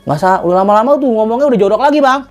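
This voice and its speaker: A young man, a guest telling a story in casual chat, animated, acting out dialogue and swearing casually. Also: high voice, rapid-fire, soft background music.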